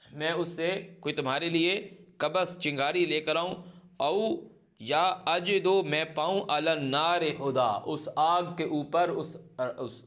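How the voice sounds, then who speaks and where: A man teaching a scripture lesson, reciting each verse slowly and then translating and repeating it phrase by phrase, stopping to quiz his students. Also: fairly high pitch, a bit bright. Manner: asks the class questions and answers them himself. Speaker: Quran teacher.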